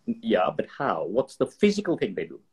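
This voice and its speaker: A man being interviewed as an expert, explaining ideas with lively stories and acted-out examples. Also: fairly low pitch, normal speed, slightly rough. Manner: animated storyteller, acts out examples in voices. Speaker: guest expert. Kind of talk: conversational interview.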